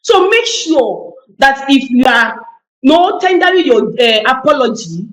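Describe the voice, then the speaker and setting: Emphatic woman, high voice. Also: sing-song, unhurried, roomy sound, low-quality recording. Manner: emphatic, repeats key phrases for weight. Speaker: talk show panelist. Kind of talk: TV panel discussion.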